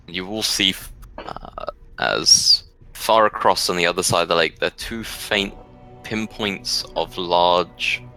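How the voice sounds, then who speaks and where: A man narrating a tabletop role-playing game as game master, describing scenes in a halting, measured way. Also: low voice, pushed and bright, soft background music, low-quality recording.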